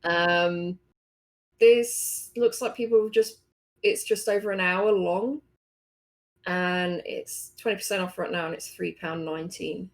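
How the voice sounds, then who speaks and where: Gravelly-voiced woman co-hosting. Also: fairly low pitch, fairly even intonation, a little slow. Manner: reads store blurbs, hesitant, laughs softly. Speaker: podcast co-host. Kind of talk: casual podcast chat.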